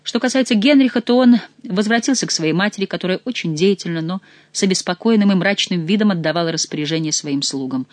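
An audiobook narrator with a measured, even delivery. The voice sits in a middle pitch. The recording is close and very dry. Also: dry recording. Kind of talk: scripted narration.

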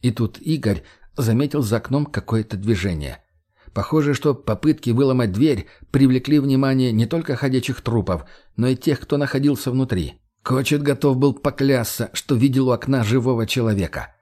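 A man narrates an audiobook in a steady, even manner. His voice sits at a middle pitch for a man. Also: moderate pace. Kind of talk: scripted narration.

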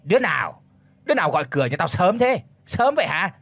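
A loud, bossy old village chief who barks orders and spits curses, as a man puts him on. His husky voice swings widely in pitch and runs quick and forceful in this spoken storybook. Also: animated, no room sound. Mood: furious. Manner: shouts curses and orders, stammers in fright.

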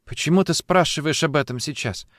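A frightened young woman with a secret, her stammering pleas pitched above a man's range, as a male reader puts her on. The sound is close and dry, like a studio audiobook. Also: brisk, dry recording, natural voice. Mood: flustered. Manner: stammering, pleading, then shrieking. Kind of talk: audiobook character reading.

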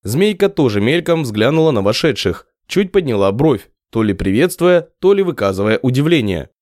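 A man narrating an audiobook in a lively storytelling manner. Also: medium pitch, moderate pace, no room sound, studio quality. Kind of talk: scripted narration.

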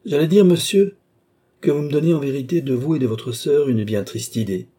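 A man voicing a haughty, weary older count who answers with calm, disdainful impatience. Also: mid-range voice, normal speed, breathy edge, natural voice.

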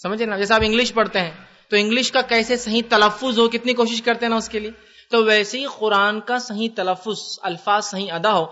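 Bright-voiced man giving a lively lecture. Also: high-pitched, dull audio. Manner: conversational, asks the audience questions; mixes English words into Urdu. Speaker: Islamic lecturer. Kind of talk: religious lecture to students.

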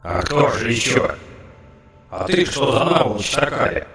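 A man's voice: mid-range voice, big pitch swings, a little slow, gravelly, a bit bright, roomy sound, long reverb tail, faint music behind, voice pushed up, heavily acted. A man voicing a crude, foul-mouthed fellow with a nasal, bleating, goat-like voice in an audiobook. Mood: coarse mocking. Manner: coarse, mocking. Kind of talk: audiobook character voice.

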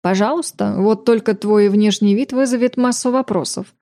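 A self-assured young man talks in a playful, teasing way, voiced by a woman in her own voice. Her tone is mellow and unforced. The sound is close and dry. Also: mid-range voice, normal speed, no echo, lightly acted.

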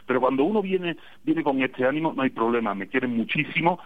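A Spanish man with an Andalusian accent calls in as a radio guest over a tinny phone line. His mid-range voice is brisk with lively intonation, and he chats casually, telling digressive stories with wry humor.

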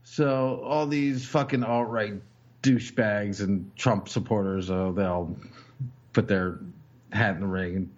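A man's voice: fairly low pitch, steady tone, takes it slowly, highs cut off. A young adult man hosting a podcast in casual chat, rambling and cursing with lots of fillers. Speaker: podcast host.

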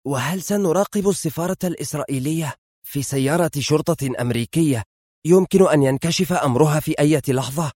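A man voicing a timid young male agent trainee who speaks in a hesitant, tense hush. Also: mid-range voice, brisk, no echo, studio quality, natural voice. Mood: awed, tense.

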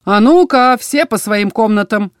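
A woman's voice: mid-range voice, expressive, moderate pace, no echo, studio quality, lightly acted. A woman voicing a strict female dormitory warden who snaps out curt orders. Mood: stern.

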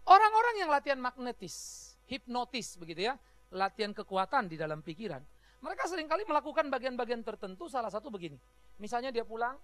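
A pastor delivers a sermon in a loose, joking style and often breaks into laughter. The pitch swings widely, and the sound is dry, with little room echo. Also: bright, forceful tone. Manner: humorous, chatty preaching with frequent laughter. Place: church.

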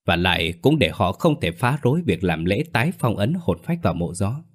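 A man playing a scheming village man in a spoken ghost story, talking quickly and persuasively in a slightly raised voice. He sounds sly and reasonable. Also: fairly low pitch, very animated.

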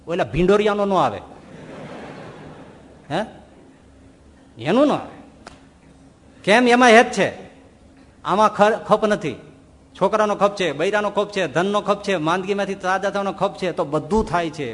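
A man's voice: high-pitched, measured pace, pauses often. A man giving a spoken sermon, telling stories and asking rhetorical questions, acting out the voices of the people in them. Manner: animated, rhetorical questions, acts out quoted voices. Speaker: swami giving a religious discourse. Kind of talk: sermon storytelling. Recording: long hall reverb.

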